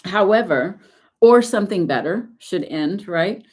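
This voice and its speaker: A woman's voice: mid-range voice, lively intonation, unhurried, darkish tone, husky. A woman success coach giving an earnest, emphatic motivational talk to camera.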